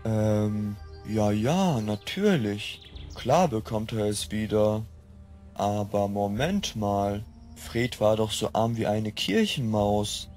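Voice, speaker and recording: A man's voice: lowish voice, lively intonation, slow pace, darkish tone, faint music behind. A man playing a fawning village father. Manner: hesitant, backpedalling with filler sounds. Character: middle-aged village father, greedy and fawning. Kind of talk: fan-mod game voice acting.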